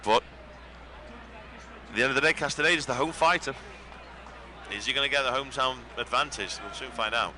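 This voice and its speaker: A man's voice: medium pitch, a little fast, pauses often. A British man giving chatty, sympathetic live fight commentary and repeating phrases for emphasis. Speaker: boxing commentator. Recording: music and crowd noise behind. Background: loud event music and crowd.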